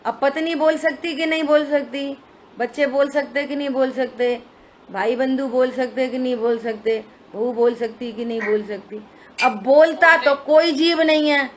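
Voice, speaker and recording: A woman's voice: high-pitched, moderate pace. Woman teaching scripture on a lo-fi recording. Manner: explanatory, asks listeners rhetorical questions. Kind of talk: religious study discourse. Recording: dull lo-fi recording with faint hiss.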